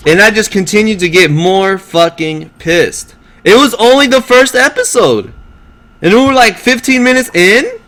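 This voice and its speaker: Man, high voice, sharp bright tone, profane, exasperated rant, casual stream talk. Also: moderate pace. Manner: profane, exasperated, animated storytelling.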